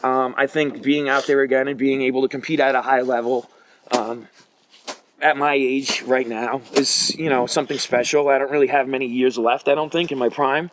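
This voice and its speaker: Answering interview questions, this American man in his forties, a jiu-jitsu coach and competitor, talks in a casual, emphatic, colloquial way, often saying "you know." His voice is mid-range with a flat delivery and moderate pace, captured in a noisy recording full of clicks.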